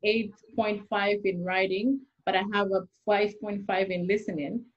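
A young adult woman, an immigration consultant, speaks at a normal speed in a mid-range voice with little pitch movement. Interviewed over a video call from a small room, she explains the rules step by step with worked examples. Her webcam microphone gives dull, lo-fi video-call audio.

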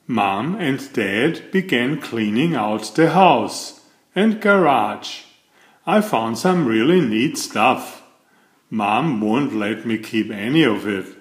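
Slow and deliberate, an older storyteller who reads children's books brings expressive phrasing and lively pitch to his reading. A slight echo colors the room.

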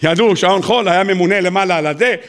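A rabbi in full flow before his congregation, his voice sitting high for a man. He teases the listeners, fires questions at them and answers them himself, and he mimics the people he quotes in a mocking tone. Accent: Israeli Hebrew. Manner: animated, joking, asks the audience questions and answers them himself; acts out quoted speakers in a raised, mocking voice. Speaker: rabbi giving a weekly sermon. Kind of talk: lively Torah sermon to a congregation. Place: synagogue or study hall before an audience.

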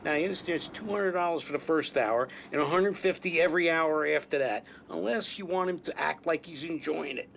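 A man's voice: a little high, fairly quick, vocal fry, few pauses, a bit bright, slight background noise. An actor playing a crude, bossy older man who pushes his friend around in a sitcom. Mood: salesy. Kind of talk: sitcom acting.

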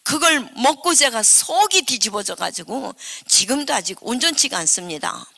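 Older lady preacher at a revival, bright voice, acts out the stories, big echoey church hall. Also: on the high side, moderate pace, gravelly. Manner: animated storytelling, acting out dialogue. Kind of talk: revival sermon. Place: church sanctuary.

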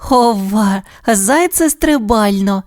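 Boo, a squeaky little girl bunny, as a woman voices her. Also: moderate pace, no echo, clean studio sound, close to an everyday voice. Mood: excited. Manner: squealing, eager, wide-eyed. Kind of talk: children's audio storybook.

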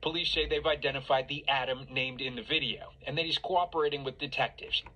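A male news correspondent narrating a broadcast report in crisp newsreader style. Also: mid-range voice, steady tone, fairly quick, very noisy.

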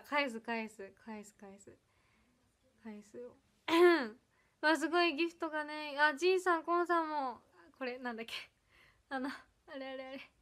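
A young woman with an Ehime Iyo-dialect accent mixed with Kansai, chatting casually on a birthday livestream and reading out viewer comments, giggling often, with lines that trail off softly, at home. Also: high voice. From Ehime, Japan.

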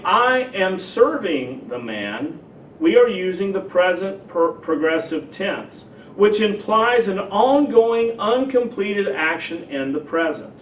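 High-pitched guy giving a slow teaching sermon, roomy church echo, kinda dull distant sound. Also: slight background noise. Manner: slow, deliberate explaining with spoken examples. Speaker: pastor. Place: church sanctuary.

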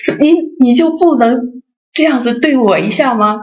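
A woman's voice: a little high, normal speed, pitched above the performer's own voice, lightly acted. A woman playing an aggrieved husband who complains to his wife, in a dull lo-fi recording. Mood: exasperated. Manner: complaining, exasperated.

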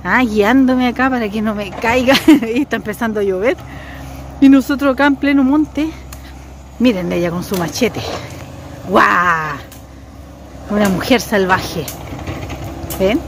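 A woman vlogging outdoors in a forest, chatting excitedly and addressing her viewers directly. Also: on the high side, moderate pace. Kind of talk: outdoor vlog to camera. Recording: noisy outdoor camera audio.

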